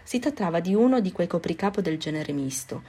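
A woman narrating a novel as an audiobook, in a measured and expressive reading. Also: lowish voice, husky.

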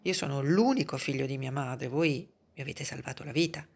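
An earnest young man pleads fervently about a work of art, as a woman reading the story gives him voice. The voice sits low, with a gravelly, husky grain. It is a storybook reading. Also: brisk, full character voice.

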